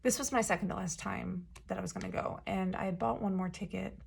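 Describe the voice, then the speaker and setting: A woman talks straight to her viewers in a loose, rambling vlog style and keeps dropping "um" and "like". Her voice has a gravelly fry with a husky edge. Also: mid-range voice, fairly even intonation, fairly quick. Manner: chatty, rambling, many fillers and "like". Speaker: vlogger. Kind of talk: casual vlog storytelling.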